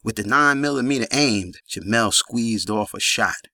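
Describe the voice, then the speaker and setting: A man narrating a gritty crime audiobook in an even storytelling manner. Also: fairly low pitch, normal speed, no echo, clean studio sound.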